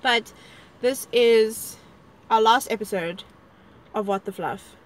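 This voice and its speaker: Chatty young woman, bright-voiced. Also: a little high, slow. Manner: chatty and playful, peppered with "like". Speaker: co-host. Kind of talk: casual chat. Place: outdoors in a park.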